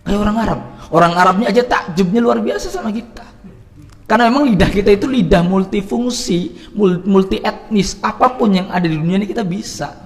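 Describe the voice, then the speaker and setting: A man teaching at a religious study gathering, animated, swinging between loud and soft and mixing in Arabic phrases. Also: sits high, a little fast, in a large hall. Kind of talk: lively Islamic study talk.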